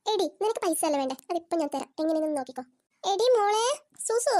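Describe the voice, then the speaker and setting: Performer doing a sly bossy cartoon mother-in-law, very high and mellow. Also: animated, fast. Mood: coaxing, scheming. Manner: fussing, coaxing, then shrill and alarmed. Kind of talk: cartoon voice acting.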